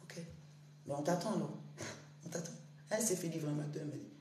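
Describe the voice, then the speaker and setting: A woman giving a rambling spiritual monologue to her online audience. She talks straight to the listener in street slang and swings between hushed whispers and loud outbursts. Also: low-pitched, a little fast. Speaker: spiritual speaker. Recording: roomy echo with faint hum.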